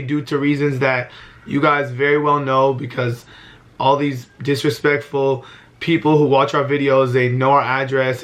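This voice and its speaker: A man's voice: mid-range voice, fairly bright tone. A man in his early twenties talking earnestly to camera in a heartfelt vlog, often repeating himself for emphasis. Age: 20s. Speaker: vlogger.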